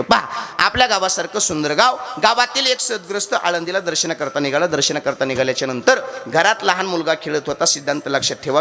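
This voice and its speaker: Telling a comic tale in a devotional kirtan sermon, this man chants and brings the characters to life with lively acting. His voice is on the high side and gravelly.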